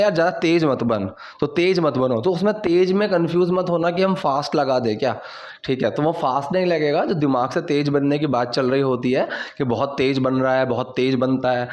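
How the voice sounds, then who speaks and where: A young man teaching English grammar in casual Hindi, checking in often and saying the English example sentences slowly and deliberately. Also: fairly high pitch, darkish tone. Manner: casual, repetitive teaching with many "theek hai" check-ins.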